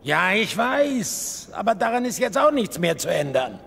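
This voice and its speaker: A peevish, commanding king in a radio drama. His voice is a little high for a man and full of gravel, grumbling with bitterness in a reverberant hall. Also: sing-song, measured pace, fairly bright tone, slight background noise, heavily acted. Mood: weary, dreading. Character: aggrieved, grumpy, embittered king Saul. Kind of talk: radio play acting.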